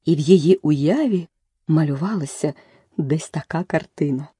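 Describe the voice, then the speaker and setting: A woman narrating a children's audiobook in a lively, expressive storytelling manner. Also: deep voice, moderate pace, slightly rough, no room sound, clean studio sound.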